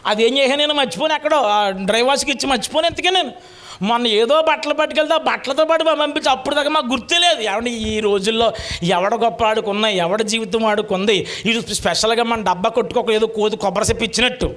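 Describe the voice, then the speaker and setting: A male preacher giving an animated, colloquial sermon full of joking asides to the congregation. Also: extremely high pitch, fast.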